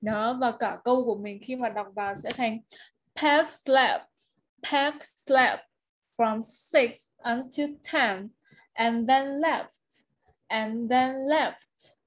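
Vietnamese lady co-teacher, kinda high voice, slow and patient, goes word by word. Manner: patient, models phrases word by word. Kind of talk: online pronunciation lesson.

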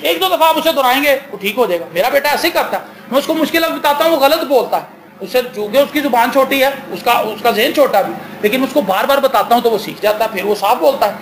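Pakistani male pastor, very high voice, emphatic rising bursts, faint background hiss. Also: expressive. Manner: slips into Punjabi for quoted dialogue. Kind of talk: sermon.

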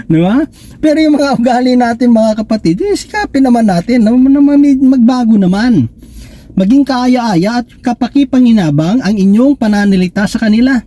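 Male preacher, Filipino accent, chatty joking sermon, warm dark tone. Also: very high voice. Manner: conversational, asks "di ba?" and "no?" often, jokes. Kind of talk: casual Taglish sermon.

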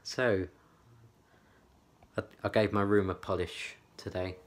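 Slow, low-voiced lad vlogging. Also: male voice, flat delivery. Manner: rambling, repeats himself, fillers. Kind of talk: casual chat to camera. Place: his small bedroom. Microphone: camera on a tripod.

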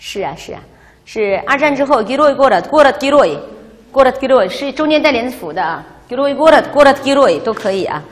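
A woman teaching a language class, explaining words and quizzing her students in a lively way, recorded in a classroom. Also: high-pitched, a little fast. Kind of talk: classroom lecture. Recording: reverberant classroom.

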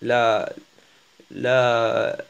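A man who is not a native Arabic speaker teaching a French lesson, often pausing and searching for words. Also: medium pitch, flat delivery, vocal fry, clean tone, lo-fi sound. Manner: halting, searching for words, self-deprecating. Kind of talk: casual language lesson.

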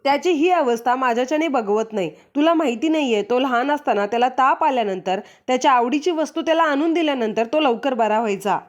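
A woman's voice: sits high, lively intonation, fast talker, few pauses. A woman reading as a tearful worried mother. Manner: explaining, apologetic. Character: tearful mother of a sick son.

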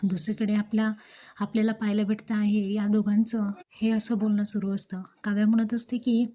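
A woman narrates the events of a television serial episode, reading the characters' lines aloud as she goes. Her voice is mellow and dark, and her pitch stays flat and even throughout. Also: fairly quick. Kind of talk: storytelling recap of a TV serial episode.

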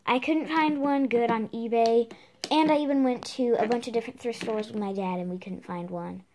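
Female vlogger, high voice, chatty, talks to viewers, soft hiss behind. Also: moderate pace. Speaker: doll vlogger. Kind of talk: casual vlog chat.

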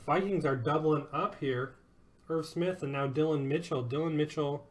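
A man's voice: on the high side, moderate pace. A man hosting a live sports card break, upbeat and joking as he calls out each card and who it goes to.

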